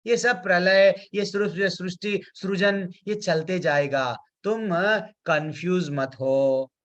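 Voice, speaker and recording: A man's voice: high voice, slow, a bit bright, dull audio. A man teaching a devotional scripture class, chanting Sanskrit verses and explaining them in chatty, English-mixed speech with many fillers. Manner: conversational, many fillers and restarts. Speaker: spiritual teacher.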